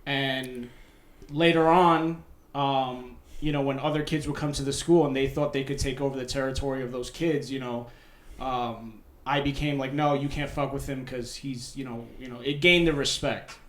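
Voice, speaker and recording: A man's voice: mid-range voice, fairly even intonation, moderate pace, reverberant. A man who grew up in New York, telling stories bluntly in a casual podcast chat, swearing often.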